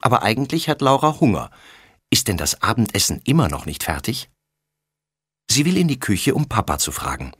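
A man reads a children's story aloud in a low, somewhat husky voice. His delivery is expressive, with a wide, animated melody. The recording is dry and close, with no room sound. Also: a little fast, no room sound. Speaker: audiobook reader.

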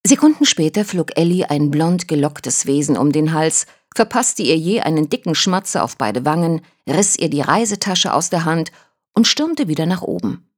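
Woman reading a novel, low husky voice, calm and steady. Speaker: audiobook narrator. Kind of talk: scripted narration.

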